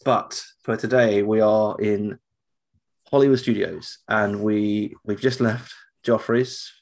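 Casual British male co-host, lowish pitch, sounding ropey with tonsillitis. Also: steady tone, slow pace, creaky, a little mellow. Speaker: podcast co-host. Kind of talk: casual chat.

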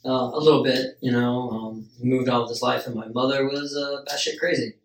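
A man's voice: medium pitch, fairly even intonation, fairly quick, distant mic. A man hosting a podcast with crude, teasing banter. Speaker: podcast host. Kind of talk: casual podcast chat. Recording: roomy sound from off mic.

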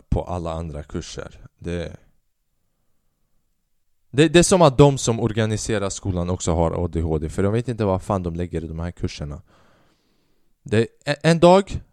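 A man's voice: fairly low pitch, a little mellow, no room sound, clean studio sound. A man in his twenties hosting a solo podcast, rambling restlessly, swearing often and mixing in English phrases. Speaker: podcast host. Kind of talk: casual solo monologue.

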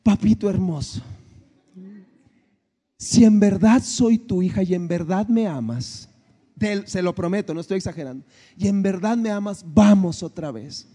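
A man's voice: high voice, measured pace, warm tone. A man with a Mexican accent voicing his little daughter, begging sweetly and persistently in a singsong way. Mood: pleading. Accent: Mexican Spanish. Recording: echoey hall reverb.

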